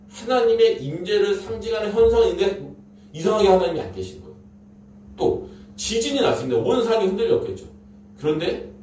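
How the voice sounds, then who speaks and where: A man's voice: a little high, mellow. A man preaching a sermon, telling the story dramatically and emphatically with repeated phrases. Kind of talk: Korean sermon. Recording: echoey room, distant mic, faint noise.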